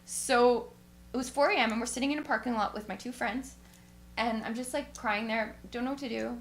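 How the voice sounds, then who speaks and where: A woman guest musician telling a story in animated fashion, acting out the quotes with big swings in pitch. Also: fairly quick. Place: radio studio. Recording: roomy studio.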